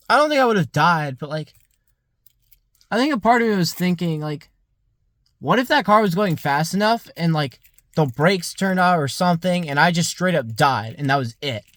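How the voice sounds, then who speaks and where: This young man, about twenty, has a high, fairly bright voice, captured with no room sound at all. He's vlogging, drifting through a reflective, meandering monologue full of "like" fillers.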